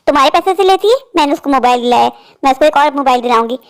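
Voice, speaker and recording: A woman voicing a scolding grandmother who argues with her daughter-in-law, in a lower voice than her own. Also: expressive, racing. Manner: nagging, scolding.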